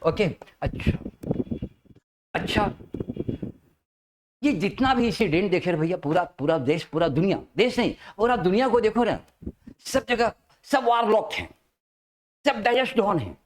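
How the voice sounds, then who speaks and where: A man teaching spoken English to a class, mixing Hindi and English, stretching out key English phrases slowly and often asking whether his students understand. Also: high-pitched, slight background noise. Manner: lively, drawn-out emphatic English phrases, checks understanding often.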